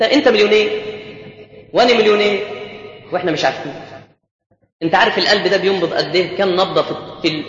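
High, bright Egyptian preacher in echoey hall. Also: male voice. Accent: Egyptian Arabic. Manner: animated, rhetorical questions, bantering with listeners. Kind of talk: colloquial mosque sermon. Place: mosque. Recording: echoey dull mosque hall.

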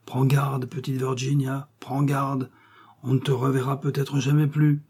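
A man's voice: mid-range voice, flat delivery, measured pace, vocal fry, a little mellow, breathy edge. A man voicing small lizard-tailed creatures who murmur an ominous warning.

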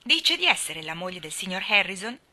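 A woman's voice: medium pitch, big pitch swings, brisk, pushed and bright. A woman reading aloud, voicing a stern, practical older woman who speaks in a dry, impatient way.

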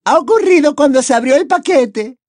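Man doing a scared tearful schoolgirl, high strained falsetto, storybook audiobook, dry close sound. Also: animated, moderate pace, darkish tone, no echo. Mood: distraught. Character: frightened teenage schoolgirl, tearful. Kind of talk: audiobook character voice.

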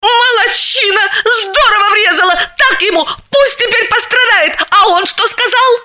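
A woman voicing a loud, emotional woman friend who shouts and sobs. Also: very high-pitched, sing-song, measured pace, slight background noise, pitched above the performer's own voice, exaggerated voice. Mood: indignant. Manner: wailing, shouting, sobbing.

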